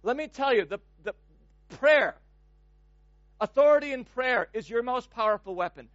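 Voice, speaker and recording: High-voiced man preaching, dry and muffled. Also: animated, moderate pace, fairly bright tone, dry recording. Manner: emphatic, repeats words when building momentum. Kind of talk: sermon.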